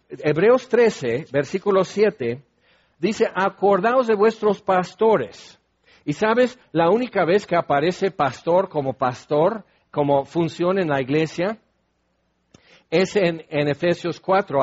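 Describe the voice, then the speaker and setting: A high-voiced man preaches a sermon. He explains scripture in a relaxed, conversational way and adds asides to his listeners. The recording sounds dull and lo-fi. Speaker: pastor.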